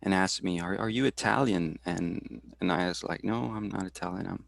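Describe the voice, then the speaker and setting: A man in his forties from Texas, talking through his career in a halting way, with many fillers and restarts, over a video call. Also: low voice, vocal fry, no echo, studio quality. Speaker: guest speaker. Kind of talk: casual career talk.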